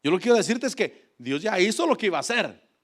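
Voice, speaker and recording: With a high, sing-song voice and a fast pace, a man preaches a fervent sermon, urging the congregation to repeat after him. He swings between loud exhortation and soft asides.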